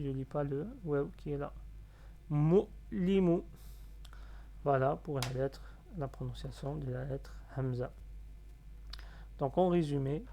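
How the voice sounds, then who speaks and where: A man teaching a reading lesson step by step. He is patient, sounding out syllables slowly and repeating them. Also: a little high, mellow.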